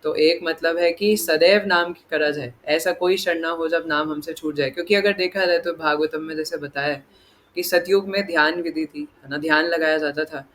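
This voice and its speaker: A man's voice: fairly high pitch, steady tone, normal speed, fairly bright tone, slight background noise. A man giving a casual, conversational scripture class, often seeking the listeners' agreement and acting out inner voices. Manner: chatty, keeps asking "right?" for agreement; acts out inner voices in dialogue. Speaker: devotional teacher.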